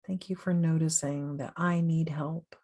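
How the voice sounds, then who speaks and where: Low-voiced woman coach, slow soothing guided meditation, gentle and inviting. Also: steady tone.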